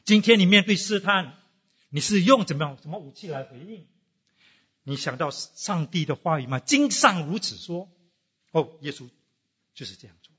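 A man's voice: a little high, moderate pace, long pauses, fairly bright tone, slightly rough, big-room sound, muffled recording. A man preaching a sermon, asking his congregation rhetorical questions and dropping English phrases into his talk. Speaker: pastor.

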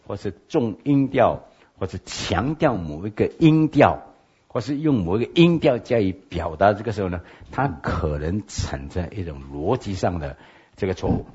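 Husky low-voiced man lecturing. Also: darkish tone. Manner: asks listeners for assent with frequent OK. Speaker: pastor teaching logic. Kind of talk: lecture on logical fallacies. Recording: dull lo-fi lecture recording.

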